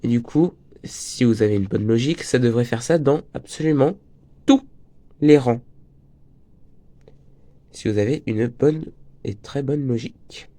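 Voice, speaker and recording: In this casual crochet tutorial, the host is a chatty, jokey teenage boy who drifts off topic; he has a slight cold and his voice is breaking. He speaks unhurriedly in a mid-range, dark-toned voice, pausing often.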